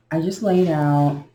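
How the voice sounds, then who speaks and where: Slow, low-voiced woman reading tarot. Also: warm tone, echoey room, low-quality recording. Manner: slow, halting, thinking aloud. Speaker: tarot reader. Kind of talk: casual tarot reading vlog.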